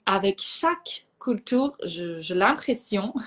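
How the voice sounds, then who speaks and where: This Iranian woman speaks Persian as her first language and works as a psychologist; here she's chatting casually as a guest. Pitched in the medium range, she sounds calm and thoughtful, frequently stopping to search for words.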